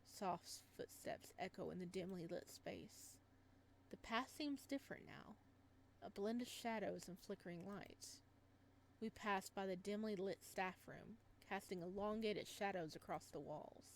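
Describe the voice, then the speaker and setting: Reading a visual novel aloud over faint music and slight background noise, a woman with a mid-range voice keeps her narration calm. She's quick to burst into startled, animated reactions.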